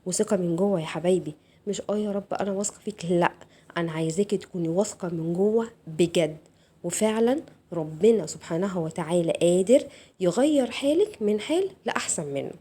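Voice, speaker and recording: Egyptian woman host, husky mellow tone, soft intimate self-help delivery, addresses viewer directly. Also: fairly low pitch, expressive, brisk. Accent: Egyptian Arabic. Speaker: channel host. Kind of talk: motivational self-help talk.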